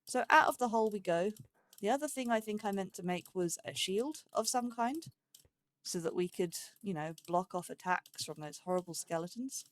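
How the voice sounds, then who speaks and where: At a moderate pace, this woman speaks with a medium pitch and lively intonation. As a gaming host she offers chatty let's play commentary, thinking aloud along the way and talking to the animals she encounters.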